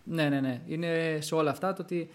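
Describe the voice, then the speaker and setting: Casual chat podcast, young man, a touch high-pitched, animated delivery. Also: a little hiss or hum. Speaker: podcast co-host.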